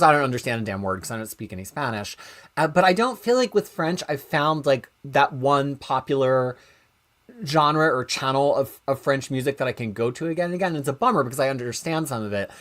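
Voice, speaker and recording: A man's voice: medium pitch, a bit bright. Rambling man in casual, think-aloud chat. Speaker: show co-host.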